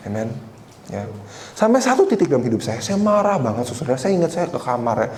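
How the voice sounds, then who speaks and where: Speaking fast in a medium pitch with a slightly mellow tone, a man in his twenties gives a very animated, conversational sermon. He recounts a personal story and keeps turning to speak to the congregation. The recording picks up the echo of the church hall and some faint noise.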